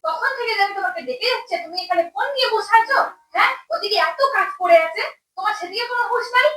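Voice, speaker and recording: A woman's voice: very high-pitched, racing, a bit bright, slight background noise. A woman playing a bossy, nagging mother-in-law in a comedy sketch, scolding with a Bengali accent. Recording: roomy echo, from a distance.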